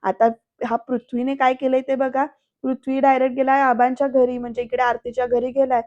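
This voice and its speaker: A woman's voice: high-pitched, level tone, fairly quick, a little mellow. A woman narrating a voice-over recap of a TV serial, chatting directly to viewers. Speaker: serial episode reviewer. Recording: dull lo-fi voice-over.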